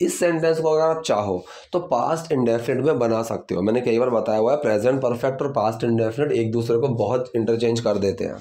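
A man with an Indian accent teaching English grammar in Hindi, asking and answering his own questions and reading English examples slowly. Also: medium pitch, dark tone. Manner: breaks sentences into parts, asks and answers his own questions.

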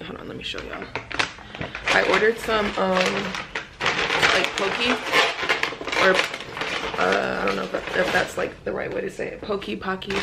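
A woman's voice: medium pitch, gravelly, heavy background noise. Chatty young woman vlogging. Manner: chatty, rambling, many fillers. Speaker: vlogger, night-shift NICU nurse. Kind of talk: casual chat to camera.

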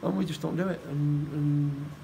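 A middle-aged man, a football manager, talks through a post-match interview indoors. His voice sits a little high, and he restarts and repeats words as he goes. A faint background hum runs under the recording. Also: fairly even intonation, vocal fry, mellow, poor audio. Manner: halting, repeats words, plain-spoken. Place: indoor room by a stadium door.

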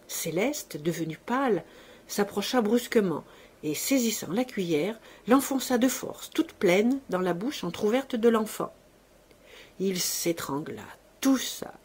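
A woman narrating a classic short story aloud with an expressive, dramatic reading. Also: mid-range voice, breathy edge.

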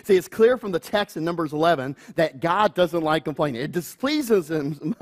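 Animated high-voiced preacher man. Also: moderate pace. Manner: animated, chuckles often. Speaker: youth pastor. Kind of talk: sermon. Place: church.

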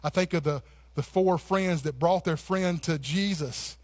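High-voiced man preaching a lively sermon. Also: measured pace. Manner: passionate, conversational preaching with repeated "man" and restarts. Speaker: pastor. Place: church sanctuary.

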